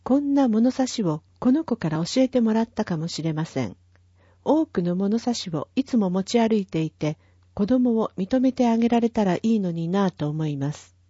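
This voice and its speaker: An expressive woman with a mid-range, dark, slightly rough voice reads a printed town bulletin at normal speed, slowly and evenly, digit by digit for numbers and addresses. There's no echo, and the sound is dull, lo-fi, and dry.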